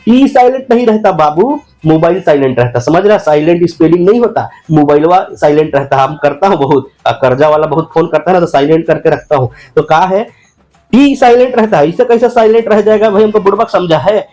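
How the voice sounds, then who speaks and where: A man's voice: sits high, animated, fairly quick, dark tone. A man playing an ignorant, boastful political devotee in a satirical comic monologue, speaking rustic broken with an indignant, mocking manner.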